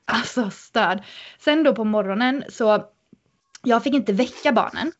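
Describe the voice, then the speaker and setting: A woman guest on a podcast, telling a story in an animated, casual way with many fillers. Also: a little high, lo-fi sound.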